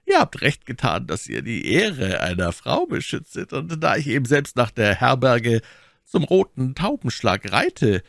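A man's voice: mid-range voice, wildly swooping pitch, a little slow, gravelly, fairly bright tone, no echo, clean studio sound, voice pushed up, heavily acted. A man reading an audiobook, voicing a scheming older male cardinal in a raised, lilting, coaxing voice. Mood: probing. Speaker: audiobook reader.

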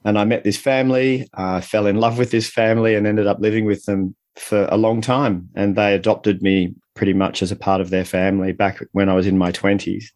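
A man's voice: fairly low pitch, flat delivery, a little fast, hardly any pauses, a little mellow, no echo. A middle-aged man speaking reflectively as an interview guest, explaining and telling stories in a conversational way. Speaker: interview guest, leadership coach.

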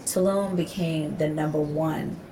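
With a deep, somewhat slow voice against a noisy background, a U.S. event organizer in her forties chats as a podcast guest. She recounts her travels in a lively, casual way, performing the quotes as she goes.

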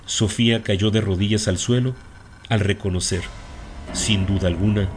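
Man narrating a dark story. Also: on the low side, fairly even intonation, slight background noise. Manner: measured, dramatic storytelling. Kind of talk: scripted narration of a horror story.

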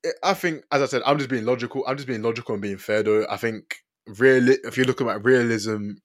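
A man's voice: mid-range voice, quick pace. A young man with a London accent, hosting a casual football discussion in slangy, repetitive phrasing. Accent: London, urban slang. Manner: slangy, repeats himself. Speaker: football podcast host.

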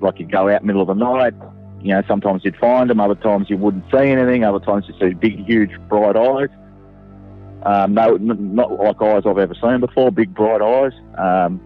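A low-pitched Australian farmer speaking plainly, peppering his account with casual fillers. His voice comes through a narrow, phone-like line with faint music behind. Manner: plain-spoken, many "you know" fillers. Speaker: sheep farmer. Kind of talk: casual interview recollection.

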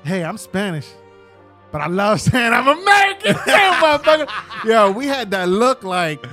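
A man co-hosting a podcast in loud, joking casual chat, swearing and laughing often. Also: sits high, very animated, moderate pace, soft background music. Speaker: podcast co-host.

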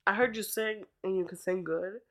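A woman's voice: medium pitch, steady tone, moderate pace, a bit bright. Giggly woman with a stuffy nose. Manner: giggly, self-conscious. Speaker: guest, host's girlfriend. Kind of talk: casual chat.

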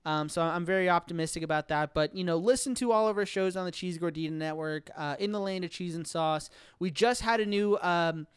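Male podcast host, casual and jokey, smooth voice, dry sound. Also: high voice, brisk, hardly any pauses, no echo. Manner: laid-back, joking, lots of fillers.

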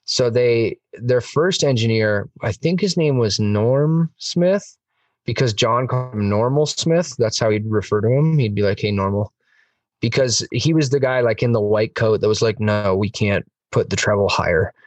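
A man's voice: medium pitch, lively intonation, normal speed, no room sound, far from the mic. A man chatting on a music podcast, enthusiastic and rambling, with lots of fillers. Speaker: podcast host. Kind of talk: casual music podcast chat.

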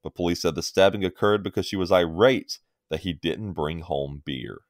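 A man's voice: low voice, moderate pace, no room sound, clean studio sound. A man co-hosting a sports podcast in a casual, opinionated way, often laughing. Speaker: podcast co-host.

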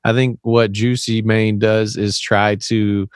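A man from Tennessee with a lowish voice and a faint Southern twang takes it slowly as a podcast guest, chatting in a loose, relaxed way full of filler words. He's on a remote call, but the sound has studio quality with no echo.

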